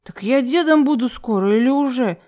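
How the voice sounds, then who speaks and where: A woman voicing a rough, drunk older man who speaks hoarsely and slurs his words. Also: sits high, brisk, mellow, voice pushed up, natural voice. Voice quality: hoarse, slurred.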